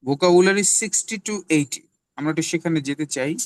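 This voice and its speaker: A man's voice: on the high side, moderate pace, no echo. A man from Bangladesh whose first language is Bengali, teaching an English class. He repeats words again and again for drilling and switches languages mid-sentence.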